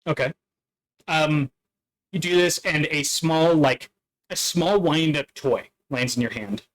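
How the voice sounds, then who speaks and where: A man narrating a tabletop game as dungeon master, halting and full of fillers and restarts. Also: a little high, rough recording.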